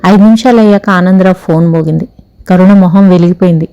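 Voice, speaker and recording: Calm woman narrating a story. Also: fairly low pitch, fast talker, smooth, lo-fi sound. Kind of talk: audiobook narration.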